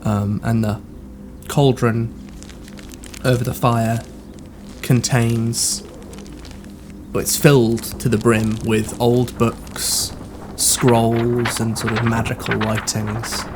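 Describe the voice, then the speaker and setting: A man narrating as game master of a tabletop game, describing scenes in a measured way with the odd hesitant filler. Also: medium pitch, flat delivery, background noise.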